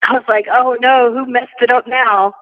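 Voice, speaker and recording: Woman on a muffled prison phone line, high animated voice, casual joking chat. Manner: laughing, animated, quick to joke. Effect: heard over a prison phone line. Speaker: inmate on a phone call.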